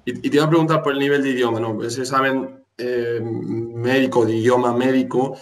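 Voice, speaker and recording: A man's voice: mid-range voice, steady tone. A man interviewing a doctor, giving short acknowledgements and asking brief follow-up questions. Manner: brief backchannels, quick questions. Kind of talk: casual interview.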